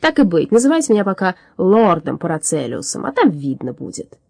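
Woman reading storybook villain-ish old alchemist, irritable braggart, mellow husky tone, dry close sound. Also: lowish voice, sing-song, brisk, no room sound, heavily acted. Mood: boastful. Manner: shouting, bragging and scornful. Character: grumpy boastful old male hunchback alchemist. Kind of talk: audiobook character voice.

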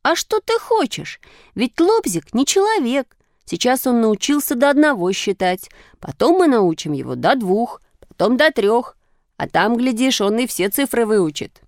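A woman voicing an eager, bossy schoolboy in a raised, excited boyish voice. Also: fairly high pitch, measured pace, no echo, studio quality, voice pushed up.

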